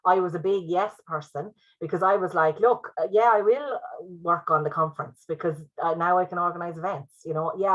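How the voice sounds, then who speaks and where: A youth worker with a notably low voice, talking casually and loosely on a panel. The video call audio sounds dull and muffled. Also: female voice. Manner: chatty, filler-heavy. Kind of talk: panel talk, personal story.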